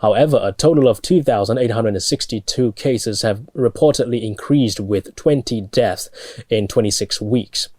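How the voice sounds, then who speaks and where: A young man with a Burmese accent anchors a news bulletin. His voice sits a little low as he reads scripted reports. The studio sound is very dry, with no room echo. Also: moderate pace, darkish tone. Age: young adult.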